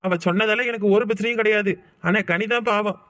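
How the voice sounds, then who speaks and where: Man as a patient, heartfelt young man in a cartoon, high voice and quick pace; dry recording. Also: no room sound. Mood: earnest. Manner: calm, reasoning, heartfelt. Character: earnest young man, patient and self-sacrificing friend. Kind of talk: cartoon voice acting.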